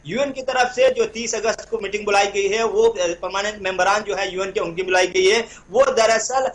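High-voiced halting young male correspondent. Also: fairly bright tone. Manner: halting, repeats and restarts words. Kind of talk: live news analysis. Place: remote live link.

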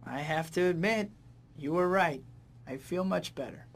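A man's voice: a little high, moderate pace, lightly acted. A man playing a young, quippy, sarcastic masked superhero in a video game, cocky yet full of self-doubt. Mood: flippant.

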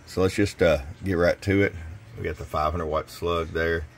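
Man, extremely low voice, folksy shop talk, faint workshop hum. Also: moderate pace. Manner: relaxed, folksy, talks straight to the customer. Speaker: radio shop host. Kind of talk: casual product demonstration. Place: radio workbench in a shop.

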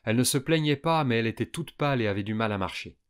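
A man calmly narrating a science fiction audiobook for young listeners. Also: mid-range voice, quick pace, clear, resonant tone. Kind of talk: scripted narration.

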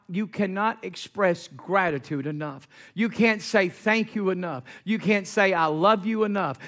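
A male pastor with a high, bright voice delivers a sermon in a church. He repeats key lines for emphasis and builds to ringing shouts with call-and-response. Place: church sanctuary.

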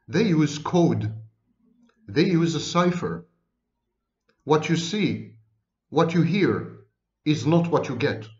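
A man with a thick foreign accent, lecturing on psychology in an emphatic way, stacking word after word with long pauses. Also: medium pitch, roomy sound, highs cut off. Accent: foreign accent, non-native English. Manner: emphatic, lists words one by one with long pauses. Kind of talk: lecture to camera.

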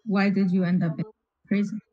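A woman's voice: mid-range voice, steady tone, brisk, mellow. A young woman chatting casually as a player in a tabletop game. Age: young adult. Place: small room indoors, on a video call. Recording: dull video call, voices around.

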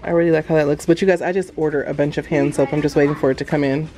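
Racing along in a deep, steady voice, a thirtysomething woman vlogs in a relaxed, chatty way, speaking to her audience like friends. Background music runs under her voice.

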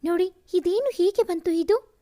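A woman's voice: extremely high pitch, normal speed, warm tone, pitched above the performer's own voice. A woman voicing a frightened, confused young woman who demands answers in a read-aloud story. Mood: anxious.

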